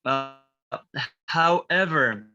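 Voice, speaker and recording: A young man from Afghanistan giving an earnest, halting personal testimony on a video call. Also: on the high side, animated, bright, forceful tone. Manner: earnest, halting, searching for words. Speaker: student speaker at a community briefing. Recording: dull lo-fi video call audio.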